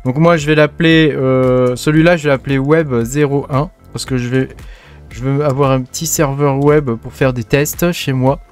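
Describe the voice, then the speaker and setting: A man's voice: mid-range voice, steady tone, normal speed, smooth, faint music behind. A man from France hosting a casual tech tutorial, talking informally to the viewer with many fillers and tags like "hein". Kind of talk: casual screen-recorded tutorial.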